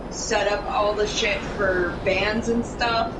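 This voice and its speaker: A young adult woman tells a slow, sweary, easily derailed story while she plays a video game, her medium-pitched voice holding a steady tone. The distant mic captures very noisy audio with a roomy echo and music behind her.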